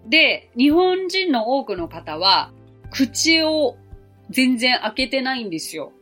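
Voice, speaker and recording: 40s lady doing a podcast english lesson, bright clear voice, slows down on phrases, soft music under it. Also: high voice, sing-song. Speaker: English teacher and podcast host.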